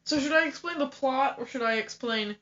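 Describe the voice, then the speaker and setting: A woman's voice: high-pitched, a little fast, a bit bright. A young woman co-hosting a casual podcast, giggly and a little hesitant as she explains things. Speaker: podcast co-host. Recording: dull lo-fi home recording.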